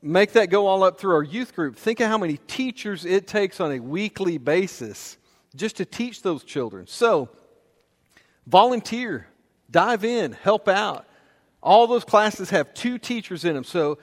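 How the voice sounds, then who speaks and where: A man preaching a sermon in a relaxed, conversational way, often restarting his sentences. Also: high voice, moderate pace. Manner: conversational, with fillers and repeated restarts. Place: church auditorium. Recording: long hall reverb.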